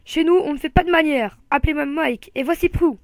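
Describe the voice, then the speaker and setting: A woman's voice: on the high side, brisk, no room sound, studio quality, close to an everyday voice. A woman reading a storybook aloud, voicing a huge, bald, hearty father who bellows his lines. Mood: booming welcome. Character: loud bald huge jovial father, booming.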